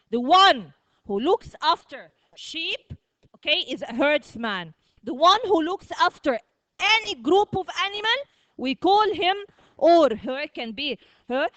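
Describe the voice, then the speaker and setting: A woman teaching a primary school vocabulary lesson, repeating words slowly, drilling the class and checking with "okay?" after each point. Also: sits high, a bit bright, no room sound.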